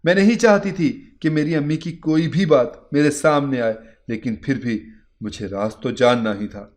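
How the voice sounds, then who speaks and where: A man reading a first-person moral story in a steady, earnest narration. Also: mid-range voice.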